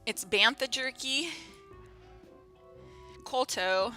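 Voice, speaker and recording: A woman's voice: on the high side, extremely slow, sharp tone, faint music behind. A woman chatting casually and playfully with viewers as she streams a video game, giggly in manner. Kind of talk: casual livestream game commentary and chat.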